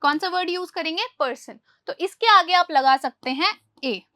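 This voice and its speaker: High, bright-voiced woman teaching English. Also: no room sound, studio quality. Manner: asks the class questions and answers them herself, slows down to read English examples. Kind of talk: spoken grammar lesson.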